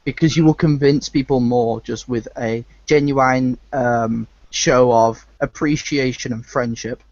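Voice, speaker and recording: A man's voice: medium pitch, steady tone, unhurried, darkish tone, no room sound, muffled recording. A man hosting a podcast in loose, casual chat, swearing freely now and then. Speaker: podcast host.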